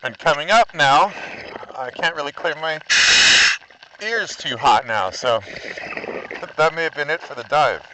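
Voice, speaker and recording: A man scuba diving and vlogging as he talks through a full face dive mask underwater. He talks casually and breaks into squealing, high exclamations when he gets excited. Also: unhurried, long pauses. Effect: talking through a full face dive mask underwater. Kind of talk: casual underwater vlog narration. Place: underwater in a shallow kelp bay. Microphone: mic inside a full face dive mask. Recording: noisy underwater mask recording.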